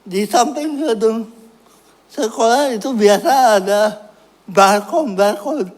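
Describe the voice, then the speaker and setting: A man's voice: high-pitched, slow pace. A man preaching a personal testimony, self-mocking and laughing at his own story, earnest when recounting his prayers.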